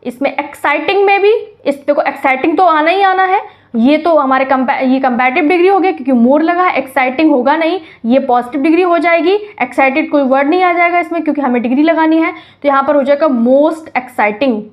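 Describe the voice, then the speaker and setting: A woman's voice: sits high, brisk, dull audio. A woman teaching English grammar, explaining exercise answers step by step, often asking a question and then answering it herself.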